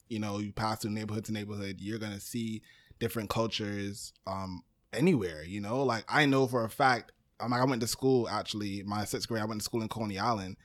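A man from Brooklyn, a podcast network founder, talking loosely as an interview guest with lots of "um" and "you know". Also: lowish voice. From Brooklyn, New York, USA. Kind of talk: casual interview talk.

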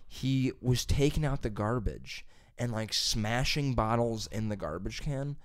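A man, a stand-up comedian, telling a profane, animated story in casual podcast chat and acting out the quotes. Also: medium pitch, unhurried.

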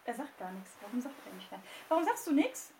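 High-pitched woman chatting away, sings and laughs a lot, echoey room with noise behind. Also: very animated, fast, darkish tone. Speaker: podcast host. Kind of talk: casual chat while getting dressed.

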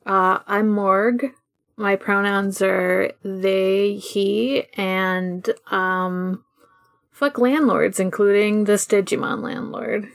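A woman chats casually as a podcast co-host. Her pitch is average and her pace is slow. She talks in a joking, irreverent way and swears freely. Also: steady tone. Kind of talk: casual chat.

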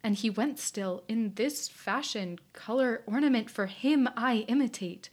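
A young woman in disguise, played by a woman, speaking verse earnestly and reflectively. Her voice is fairly high and clear. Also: a little slow, darkish tone. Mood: hopeful. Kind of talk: stage play performance.

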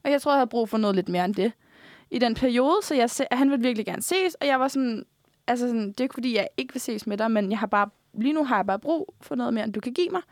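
A woman's voice: fairly high pitch, no echo. Candid young Danish woman, dry mic. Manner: candid, quotes herself and others often, laughs easily. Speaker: podcast co-host. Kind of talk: casual chat.

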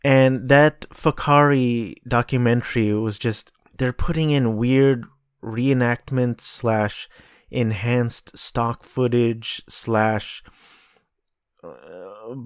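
Slow, rambling male vlogger. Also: mid-range voice, fairly even intonation, clear, resonant tone, dry recording, clean studio sound. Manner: rambling, self-correcting, reads aloud from notes. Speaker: vlogger reviewing films. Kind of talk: casual solo commentary.

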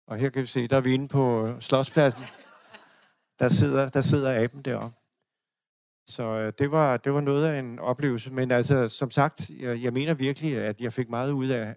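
A man's voice: mid-range voice, darkish tone, dry recording, studio quality. An older man from Denmark giving a lecture, telling personal stories in a rambling, anecdotal way with restarts and chuckles. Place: lecture hall.

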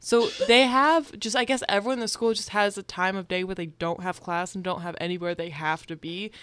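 A young woman in casual chat who acts out quotes expressively. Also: brisk. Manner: expressive, acts out quotes with big pitch jumps.

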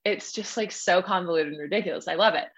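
A young woman, a graduate student and podcast guest, tells a story in a lively, slangy, casual way. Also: fairly low pitch, fast, low-quality recording. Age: young adult. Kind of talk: casual chat.

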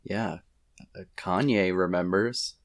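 A man co-hosting a podcast in casual chat, rambling and halting as he thinks aloud. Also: low voice. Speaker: podcast co-host.

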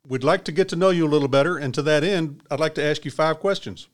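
A man from Kentucky hosting a scripted interview podcast in a measured, encouraging way. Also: on the high side. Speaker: podcast host.

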